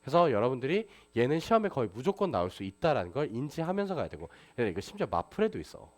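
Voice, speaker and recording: A man's voice: mid-range voice, big pitch swings, quick pace. A man teaching a math class, lecturing and constantly asking his students rhetorical questions. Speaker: math tutor.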